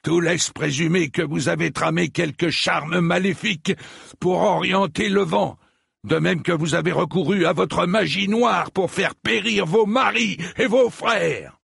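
Guy doing a shouty old knight, high strained bellow, kinda husky. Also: a little slow, no room sound, studio quality, exaggerated voice. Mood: indignant. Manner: thundering, indignant.

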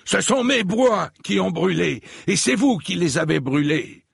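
Brief: male reader voicing an old knight, booming and indignant, pushed way up high and loud, gravelly edge. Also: unhurried, no echo, studio quality, exaggerated voice. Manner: thundering, indignant. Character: bellowing old knight, proud and quarrelsome.

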